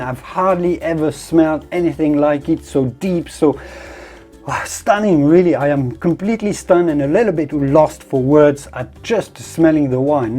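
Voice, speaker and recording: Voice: medium pitch, dark tone. A wine connoisseur presenting a tasting in an effusive, descriptive way, leaning on emphatic superlatives. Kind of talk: presenter-style product review and tasting commentary.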